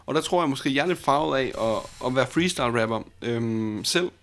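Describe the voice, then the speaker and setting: A man's voice: mid-range voice, lively intonation, fairly bright tone. A young man co-hosting a podcast, talking casually with many fillers and restarts. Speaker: podcast co-host and battle judge.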